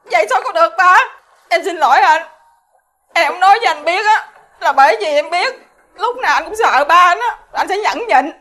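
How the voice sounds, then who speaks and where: An actress playing an aggrieved, defiant young daughter-in-law with a Southern Vietnamese accent, pleading and emotional. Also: female voice, extremely high pitch, animated, normal speed, pushed and bright, exaggerated voice.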